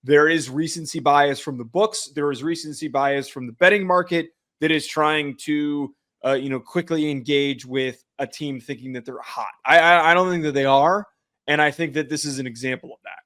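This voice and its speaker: A man from New Jersey co-hosts a casual sports podcast, breaking down picks with sure, analytical confidence. His voice sits a little high for a man. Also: moderate pace, fairly bright tone. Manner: analytical, confident betting takes. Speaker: podcast co-host.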